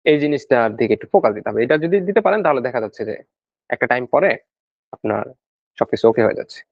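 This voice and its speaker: A man's voice: medium pitch, sing-song, fast talker, creaky, dry recording. A man tutoring students for an English speaking exam, explaining step by step in a casual lesson and repeating his key points. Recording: dry, dull lo-fi sound.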